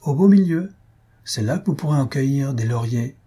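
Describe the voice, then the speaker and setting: A mocking army sergeant from a read-aloud story, put on by a man with a pitch pushed up over his husky, mellow timbre. He teases in a confidential tone. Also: animated, moderate pace. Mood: teasing. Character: sly, teasing male army sergeant.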